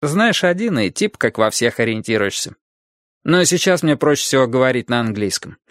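A man's voice: mid-range voice, very animated, normal speed, a bit bright, dry recording, studio quality. A man voicing a worldly, mocking teenage boy who talks in an offhand, shrugging way. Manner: shrugging, nonchalant delivery.

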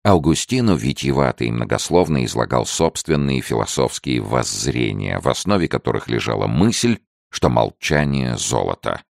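Very deep, gravelly male narrator. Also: sing-song, normal speed, few pauses, no echo, clean studio sound. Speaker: audiobook narrator. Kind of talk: scripted narration.

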